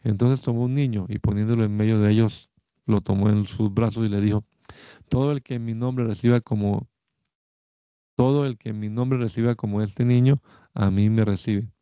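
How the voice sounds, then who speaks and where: A man reading Bible passages aloud in a measured, steady way, lifting his voice slightly for quoted speech. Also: on the low side, clean tone, dry recording, highs cut off. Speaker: Bible reader.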